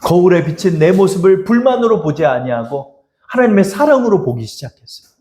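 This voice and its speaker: A man's voice: high voice, sing-song, fairly quick, dark tone. Exhorting male pastor in an echoey church. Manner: exhorting, speaks directly to listeners as God. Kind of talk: sermon. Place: church sanctuary.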